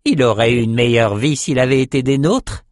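A man voicing a naive, childlike albino shaman slaver in an audiobook, in a high, slow, puzzled voice. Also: dry recording, studio quality, lightly acted. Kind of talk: audiobook character voice.

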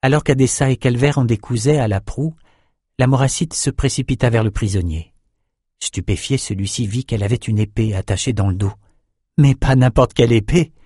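A man narrating a fantasy audiobook in a steady, measured reading. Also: mid-range voice, breathy edge, no room sound, studio quality.

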